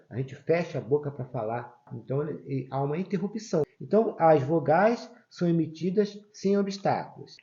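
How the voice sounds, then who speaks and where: Male teacher, mellow lo-fi voice. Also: a little high. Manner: explains patiently with frequent "tá?" check-ins. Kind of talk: online grammar lesson.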